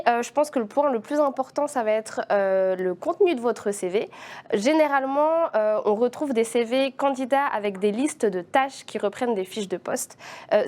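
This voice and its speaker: A woman recruitment consultant explaining job-search norms in a webinar, measured and explanatory, hesitating at times. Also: a little high, darkish tone. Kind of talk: webinar presentation.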